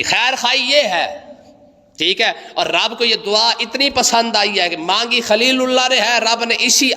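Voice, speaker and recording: A man with touches, giving an emphatic Quran commentary lesson. His tone is bright and forceful, and he keeps asking his listeners rhetorical questions. His voice carries a long hall reverb. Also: high-pitched. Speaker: Quran teacher, mufti.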